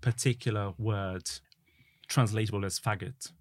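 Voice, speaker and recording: A man from Italy, chatting thoughtfully and filling pauses with "you know" as he interviews. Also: lowish voice, fairly even intonation. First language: Italian. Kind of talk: casual conversation.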